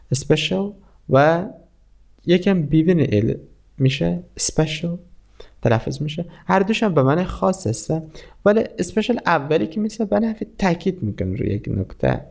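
Gravelly-voiced man teaching English slowly. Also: fairly high pitch, darkish tone. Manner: explains in Persian, reads English text very slowly. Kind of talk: language lesson.

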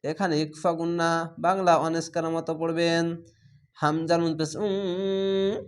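A man gives a Quran reading lesson in a smooth, clear voice that sits a little high. He spells each letter and vowel, then stretches the recited words out at an unhurried pace. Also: flat delivery.

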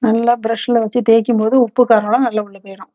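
A woman hosting a home cooking channel, calmly walking through each step and ingredient. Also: a little high, fast talker, no room sound, phone-quality sound. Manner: calm, instructive, listing ingredients steadily. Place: home kitchen.

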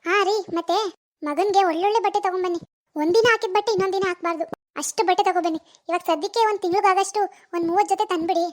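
A woman's voice: very high voice, fairly even intonation, fast. Woman voicing a doting young cartoon mother. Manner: fussy, chatty, coos softly to the baby. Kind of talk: animated cartoon voice acting.

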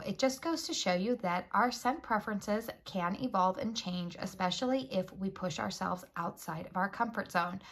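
A woman's voice: medium pitch, fairly bright tone. A woman with a head cold and a nasal voice, chatting casually as she reviews a scented candle, friendly and full of fillers.

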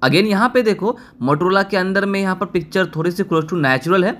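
A man with a high voice gives a casual voice-over review. He talks in a steady, explanatory way, pointing the viewer to one detail after another as he goes. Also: moderate pace. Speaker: tech reviewer.

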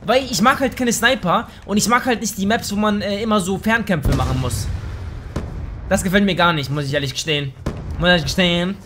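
A young man giving live commentary over his shooter gameplay, excitable and slangy, often swearing in annoyance. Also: high voice, a little fast, a little hiss or hum. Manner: slangy, says "Alter" a lot. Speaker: let's play gamer. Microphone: gaming microphone.

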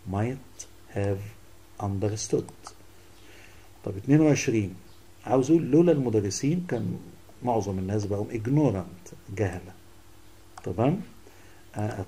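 A young man with an Egyptian Arabic accent, explaining English grammar exercises and quizzing his students, reading English sentences slowly. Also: lowish voice, warm tone, a little hiss or hum. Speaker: English teacher.

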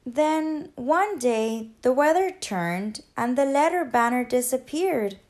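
Teacher lady reading a kids book aloud, high voice, slow and gentle, really expressive. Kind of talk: children's storybook read-aloud.

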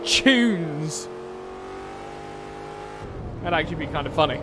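A young British man with a fairly high voice live-streams a racing game, commenting at a moderate pace. He talks loosely and crudely, swearing and laughing at his own jokes, while loud car engines from the game roar in the background.

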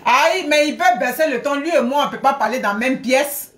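A middle-aged woman chatting live to her viewers from a room at home, animated, often laughing, thanking people by name. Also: high-pitched, a little fast. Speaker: livestreamer. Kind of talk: casual live stream chat. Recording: echoey room.

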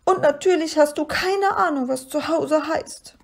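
A woman's voice: high voice, very animated, normal speed, mellow, pitched above the performer's own voice. A woman voicing an angry, tearful little child that an alien calls a monster, in a storybook reading. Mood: sobbing.

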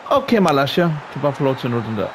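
A man giving excitable, exclamation-filled commentary while he plays a football video game. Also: medium pitch, a little hiss or hum. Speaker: gaming YouTuber.

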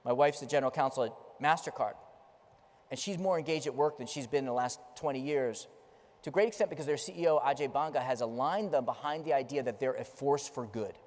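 A middle-aged man delivering a conference keynote strides across a large stage, gesturing and telling stories with emphasis. He is a fast talker with a medium-pitched voice, and the hall's long reverb echoes it.

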